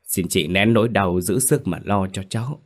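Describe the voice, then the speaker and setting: A man's voice: low voice, normal speed, close to an everyday voice. A man voicing an old village man who speaks sternly and with urgency. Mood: somber.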